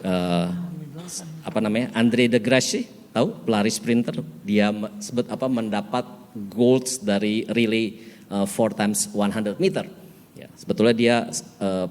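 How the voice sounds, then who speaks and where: An older male pastor tells a story in a relaxed, chatty way and laughs now and then. His voice sits low. It carries a long reverb from a large hall. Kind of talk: sermon with anecdote.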